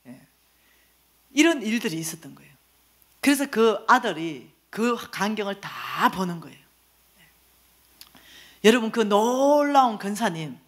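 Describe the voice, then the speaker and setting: Animated woman telling church testimony. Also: a little high. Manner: animated storytelling, acting out quoted voices. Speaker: church lay minister and lecturer. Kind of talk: testimony in a church finance seminar.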